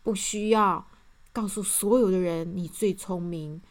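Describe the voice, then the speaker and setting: Gentle lady reading a kids story, talks right to the little ones. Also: mid-range voice, a little slow. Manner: gentle, addressing children directly.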